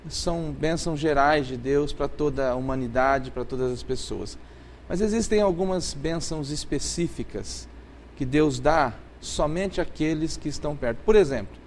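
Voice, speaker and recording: A man with a somewhat high voice speaks as a pastor on a faith discussion panel. He explains his point patiently and at length, often restarting his sentences. A faint hiss of noise sits under his voice.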